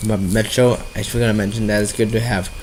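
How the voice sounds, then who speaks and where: A man from Washington State with a nasal voice and a bad cold, giving rambling, halting gameplay commentary as a video creator. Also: lowish voice, flat delivery, darkish tone, slight background noise, poor audio. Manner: rambling, halting, often restarts sentences.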